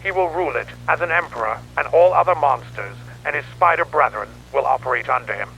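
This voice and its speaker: A man with a mid-range voice narrates scripted analog horror at a quick pace, his bright, pushed tone edged with vocal fry. He plays a grim newspaperman recording a horror investigation log, telling it in a dramatic, grave way with a grim, ominous mood. The noisy, radio-like tape hums and has its highs cut off.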